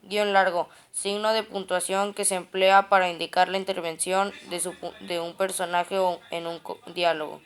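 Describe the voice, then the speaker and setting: A woman's voice: on the low side, little pitch movement, moderate pace, few pauses. A woman reading grammar study notes aloud, stepping through terms and definitions and often restarting words.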